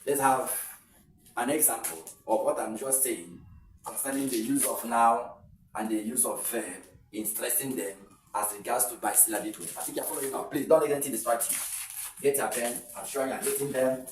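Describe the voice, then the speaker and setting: A man's voice: mid-range voice, moderate pace. Man teaching in echoey room. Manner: repetitive, explains step by step. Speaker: English teacher. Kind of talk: exam-prep lesson. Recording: echoey room, mic far off, faint noise.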